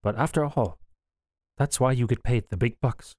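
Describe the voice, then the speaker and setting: A man's voice: medium pitch, normal speed, a little mellow, no room sound, clean studio sound, close to an everyday voice. A man voicing a young male first officer with a wry, teasing manner. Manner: smirking, playful.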